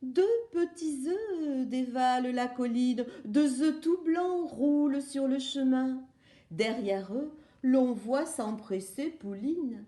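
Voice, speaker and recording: A woman's voice: high voice, slow pace, warm tone. A woman reading a children's story aloud in a playful, sing-song way. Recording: roomy echo.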